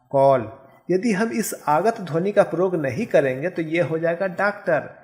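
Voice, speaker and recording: Man teaching Hindi grammar, slightly high voice. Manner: slow, careful pronunciation of example words; explains step by step, often checking with "ठीक है". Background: background noise.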